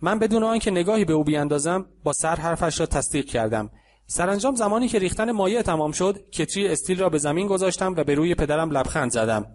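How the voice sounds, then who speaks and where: A male audiobook narrator whose voice sits a little higher than most men's. He reads in a calm, measured, even way. He gives the characters only light voices in the dialogue. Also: a little hiss or hum.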